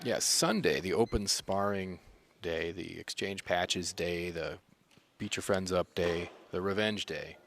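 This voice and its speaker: Guy calling a live sports tournament, kinda deep voice, casual announcer style. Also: unhurried, creaky, a bit bright, slight background noise.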